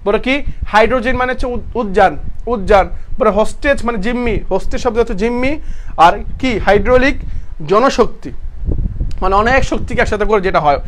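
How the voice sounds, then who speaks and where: High-voiced young Bangladeshi teacher. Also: male voice, brisk, a little hiss or hum. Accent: Bangladeshi Bengali. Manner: repeats questions to students, talks to them as "bhaiya"; casual, self-correcting explanations. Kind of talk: online exam-prep class.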